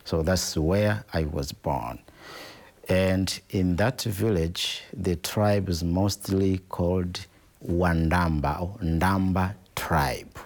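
Slow, very low-voiced Tanzanian bishop. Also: male voice, creaky. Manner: slow, deliberate, repeats phrases like "in actual fact". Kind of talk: interview answers.

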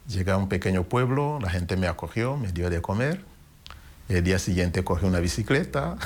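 This is personal testimony: a deep-voiced man, not a native Spanish speaker, shares his life story with an interviewer. His pace is unhurried and reflective, broken by pauses and restarts as he gropes for the right words.

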